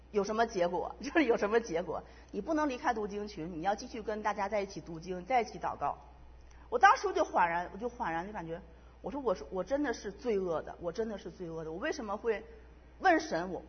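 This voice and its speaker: Husky woman giving a fast faith testimony. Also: mid-range voice. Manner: emotional, quick storytelling with repetitions. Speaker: church member giving testimony. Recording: dull lo-fi sound in a reverberant hall.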